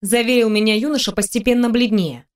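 A woman with a slightly high voice narrates a fantasy novel in the first person, reading it as an audiobook. Her storytelling is expressive and steady, drawing the listener through the scene. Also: a little fast, smooth. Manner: expressive storytelling, with the heroine's lines read in her own voice.

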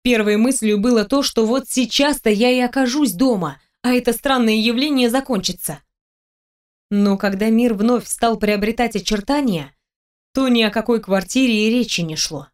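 A woman's voice: on the high side, normal speed. A woman narrates a fantasy audiobook in the first person, telling the story expressively. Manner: expressive storytelling, with the heroine's lines read in her own voice.

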